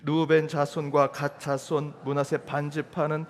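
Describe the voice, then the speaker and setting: A man preaches in an emphatic, questioning style, his voice pitched high for a man. The sound carries the long reverb of a church sanctuary, with each phrase trailing off into the hall. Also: flat delivery, unhurried, slight background noise. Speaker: pastor. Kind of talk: sermon.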